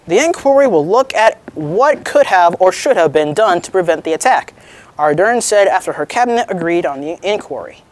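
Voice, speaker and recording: A teenage female student anchor reading a mock newscast script in an informal, halting way with chatty asides. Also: fairly low pitch, expressive, a little mellow, dry recording.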